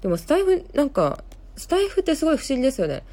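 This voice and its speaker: A woman's voice: high-pitched, very animated, racing, mellow. A young woman with a Kansai accent, hosting a casual live stream, chatting in a rambling way, reading viewer comments aloud and correcting herself as she talks. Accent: Kansai Japanese. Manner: chatty, rambling, many fillers and self-corrections.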